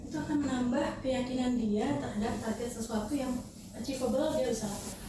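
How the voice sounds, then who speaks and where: A talent management manager appears as a podcast guest, speaking fairly quickly in a slightly high voice. She explains things casually and hesitantly, dropping in English terms. The audio is noisy and picked up from a distance in a very echoey room.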